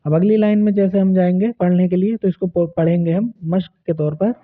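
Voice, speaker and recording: A man teaching Urdu reading, reading out words and practice sentences slowly and deliberately. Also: sits high, fairly even intonation. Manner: slow, deliberate word-by-word reading aloud. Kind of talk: reading lesson with slow drills. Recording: narrow phone-like sound.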